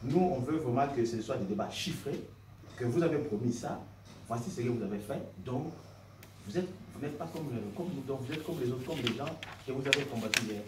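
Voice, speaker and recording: Brisk and mid-range, a man's voice carries an earnest, argumentative off-the-cuff speech from the floor of a political meeting, where he is a party member. A distant mic records the roomy, noisy indoor meeting room.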